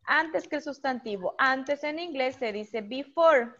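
A woman teaching a primary school English class online, drilling vocabulary with slow, patient repetition. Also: high-pitched, a bit bright, lo-fi sound.

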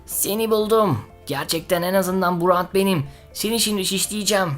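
A man's voice: high-pitched, fairly quick, faint music behind, voice pushed up, close to an everyday voice. A man voicing a cold, threatening father in a story. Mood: menacing. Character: cold menacing father with a gun.

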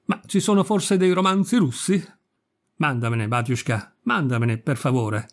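A man's voice: mid-range voice, lively intonation, normal speed, natural voice. A man voicing a capricious, imperious old countess in an audiobook reading, peevish and scolding. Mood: querulous. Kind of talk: audiobook reading of a classic story.

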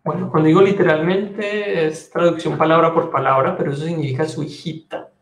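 A man with a Colombian Spanish accent teaching a French lesson, patiently explaining and repeating phrases slowly. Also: a little high, fairly even intonation, roomy sound. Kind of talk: online language lesson.

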